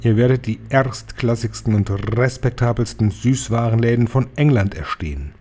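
A man's voice: mid-range voice, moderate pace, warm tone, lightly acted. A man reading a story aloud, voicing a tiny, furious female witch leader who shrieks and barks orders. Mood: domineering.

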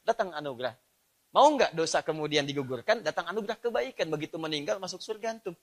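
A man preaching a sermon, swinging from loud emphatic lines to soft, low asides. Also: expressive, fast.

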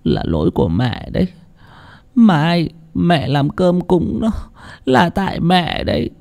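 A man's voice: low voice, big pitch swings, a little fast, dark tone. A man voicing a grieving middle-aged mother who wails and weeps over her son. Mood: tearful. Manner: wailing, tearful.

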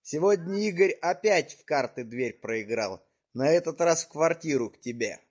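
A man's voice: on the high side, animated, moderate pace. A man improvising a prank phone call in a coarse, slangy, taunting way. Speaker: prank caller.

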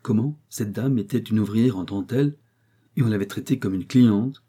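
A man narrating a novel as an audiobook in a measured, even storytelling manner. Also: lowish voice, husky.

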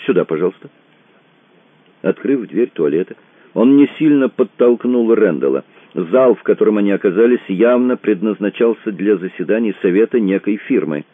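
A man narrating an audiobook in an expressive reading style, in a tinny, dry recording. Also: on the low side, no room sound. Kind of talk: scripted narration. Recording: tinny phone-like dry sound.

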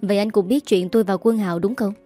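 A woman voicing a gentle young mother in a spoken story, soft and coaxing. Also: mid-range voice, fairly even intonation, fast, soft background music, natural voice.

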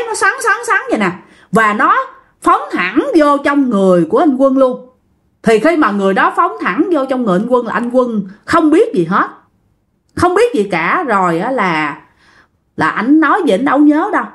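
A woman with a Southern Vietnamese Mekong Delta accent telling a ghost story in a chatty way, addressing her listeners directly. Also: high-pitched.

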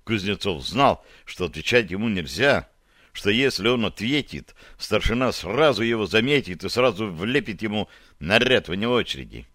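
A man reading a novel aloud in steady, measured audiobook narration. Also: lowish voice, no echo, clean studio sound.

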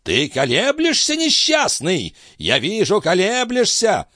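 High shaky old alchemist, furious and sneering, wild swoops in his voice, dry sound. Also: wildly swooping pitch, unhurried, no room sound, full character voice. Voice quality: weak, quavering old voice. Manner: shrill, raging, shouting outbursts. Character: ancient frail male alchemist, wrathful and scornful. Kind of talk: audiobook character voice.

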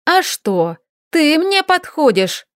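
A woman voicing a furious young woman who shouts accusations at her lover. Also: high voice, sing-song, slow pace, no echo, clean studio sound, voice pushed up, full character voice.

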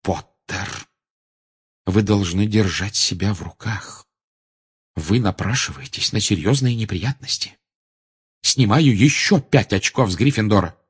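A man reading as a strict older woman professor, his voice lifted above its usual range. She clips her words and delivers her rebukes acerbically, with a husky edge. It is an audiobook character voice. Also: medium pitch, big pitch swings, moderate pace, voice pushed up. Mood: stern. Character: stern older female professor.

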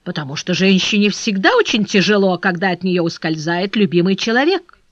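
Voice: medium pitch, expressive, brisk, a bit bright, no room sound, natural voice. A sly, scheming baronet, as an audiobook reader puts him on, dry and laconic, dropping his voice and drawing out his words. His tone stays impassive and mocking. The recording is dry and a little dull. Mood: calculating. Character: cold sly scheming male English baronet. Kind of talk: audiobook character reading.

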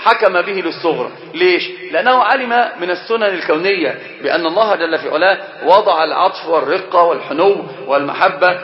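A man with a high voice teaches a religious text quickly and with energy. The recording is roomy and dull, like an older lo-fi lecture tape. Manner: animated, acts out quoted speech. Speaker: sheikh teaching a book. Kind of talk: Islamic lecture.

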